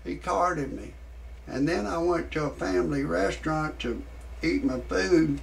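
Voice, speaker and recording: A man in his sixties hosting a comedic parody monologue, rambling in a deadpan way with many fillers. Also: unhurried, vocal fry, heavy background noise. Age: 60s. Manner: shouts quoted lines in a much higher voice. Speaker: parody show host.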